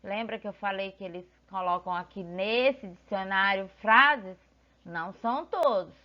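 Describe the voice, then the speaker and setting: A woman's voice: medium pitch, normal speed, highs cut off. A woman teacher, patiently explaining a lesson to children and pointing things out as she goes. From Brazil.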